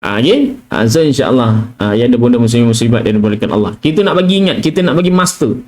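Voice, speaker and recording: A man's voice: medium pitch, expressive, quick pace, a little mellow. A middle-aged man with a Malaysian Malay accent giving a casual live tajwid lesson, chatty and peppering his talk with "kan?" and "ah", now and then demonstrating letter sounds in a whisper or in chanted recitation. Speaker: Quran recitation teacher.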